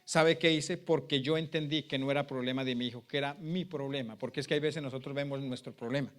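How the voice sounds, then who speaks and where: A middle-aged pastor preaches a sermon built on his personal testimony, swinging between loud pleading and hushed, quiet tones. He speaks fast in a medium-pitched voice with fairly even intonation.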